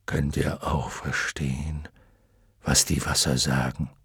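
A man voicing a huge, wise and gentle male luck dragon in an audiobook, murmuring slowly and solemnly. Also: little pitch movement, gravelly, breathy edge, no room sound, studio quality, exaggerated voice. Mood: wondering. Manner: deep hushed murmur, slow and solemn. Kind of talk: audiobook character voice.

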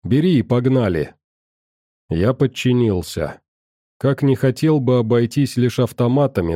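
Male audiobook narrator, calm first-person storytelling, dark mellow tone, dry close recording. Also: mid-range voice, no echo.

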